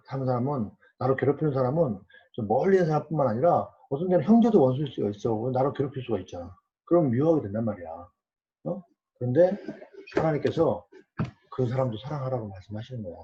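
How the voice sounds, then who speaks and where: A man's voice: medium pitch, mellow. A man in his forties leading a casual Bible study discussion, asking the group questions and acting out quoted parents and children. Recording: dull lo-fi recording.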